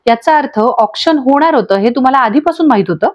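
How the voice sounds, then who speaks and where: A woman's voice: sits high, animated, fast, muffled recording. Nandini, a woman doing a tearful angry young wife. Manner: pleading, accusing, breaking into sobs.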